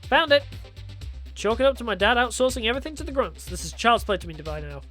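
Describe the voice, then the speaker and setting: A man's voice: very high voice, sing-song, quick pace, fairly bright tone, faint music behind, heavily acted. A man voicing a brash, defiant young rebel daughter and mechanic in a dramatic story, blunt and sardonic. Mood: brisk, dry.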